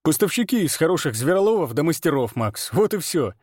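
A man's voice: fairly high pitch, big pitch swings, a little fast, darkish tone, breathy edge, dry recording, pitched above the performer's own voice. A male narrator voicing a wry adult hunter, speaking in a dry, matter-of-fact way in an audiobook. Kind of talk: audiobook character voice.

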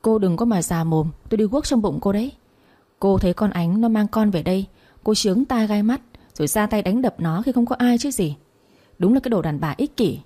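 Woman voicing a shrill scolding old mother-in-law. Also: brisk, mellow, close to an everyday voice. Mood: angry. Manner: accusing, harsh. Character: scolding elderly mother-in-law, sharp-tongued.

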